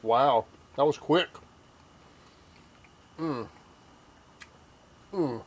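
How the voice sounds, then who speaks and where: An older man, taste-testing a hot barbecue sauce on his cooking vlog, teary and sniffling from the heat, with slow, drawn-out hums and sighs. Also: mid-range voice, muffled recording. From Texas. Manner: slow, drawn-out reactions to spicy food with many hums and sighs. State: teary, nose running from the heat. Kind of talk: casual taste-test reaction.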